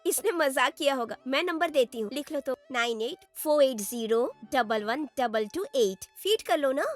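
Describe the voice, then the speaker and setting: A woman dubbing a film as a chatty young female friend with a bright, excitable voice. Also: high voice, moderate pace, soft background music. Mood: coaxing.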